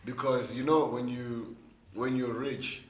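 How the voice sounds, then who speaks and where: A young man with a South African accent and a hoarse, worn voice, chatting casually in an interview with emphatic, repeated words. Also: mid-range voice, fairly even intonation, measured pace. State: hoarse from gigs the day before. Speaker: interview guest, content creator and musician. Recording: echoey room with faint background noise.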